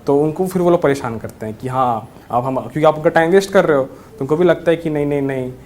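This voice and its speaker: A man's voice: fairly high pitch, quick pace, darkish tone. A young man giving friendly, reassuring interview advice and mixing English words into his Hindi. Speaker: interview guest, newly selected civil judge.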